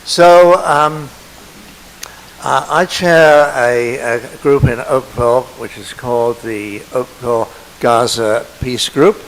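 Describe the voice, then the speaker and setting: Slow, gravelly man addressing a meeting. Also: mid-range voice, fairly even intonation, slight background noise, low-quality recording. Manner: halting, with many filler pauses. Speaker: church member presenting a petition. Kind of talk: speech at a church meeting. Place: meeting hall.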